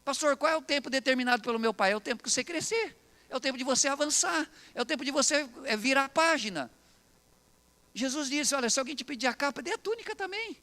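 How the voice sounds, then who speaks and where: A Brazilian man preaching a sermon to his church, lively and animated, telling stories and acting out quotes. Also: very high voice, fast talker. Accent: Brazilian Portuguese. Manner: animated, preaching with acted quotes and jokes to the congregation. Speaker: pastor.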